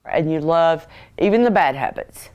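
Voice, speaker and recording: Brief: older woman, somewhat low pitch, fond and amused interviewee who reads notes aloud. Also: lively intonation, moderate pace, a little mellow, clean tone, muffled recording. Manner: laughs often, fond and amused. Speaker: wife interviewed in a news feature. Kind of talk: interview and reading.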